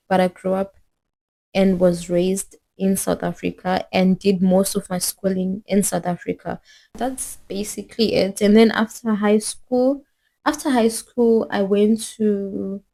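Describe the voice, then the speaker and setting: A young woman from Zimbabwe chats to her phone camera in a loose, rambling vlog style. Her voice is mellow and warm, and she keeps circling back with fillers and restarts. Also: mid-range voice. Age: young adult. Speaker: vlogger. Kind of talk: casual chat.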